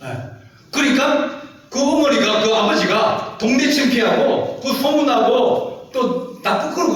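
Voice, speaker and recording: A man's voice: high-pitched, fairly bright tone. A man preaching a sermon as pastor, emphatic and often putting questions to the congregation. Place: church sanctuary. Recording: echoey church heard from a distance.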